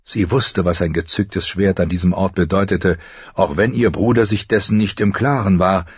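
A man reading a novel aloud in a measured, grave manner. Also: deep voice, fairly even intonation, slightly rough, dry recording, muffled recording. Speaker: audiobook narrator. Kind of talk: scripted narration.

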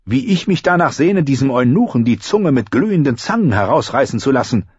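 A man's voice: fairly high pitch, sing-song, normal speed, slightly rough, no room sound, muffled recording, pitched above the performer's own voice. A man reading an audiobook, voicing a proud, angry queen regent in a cold, scornful tone.

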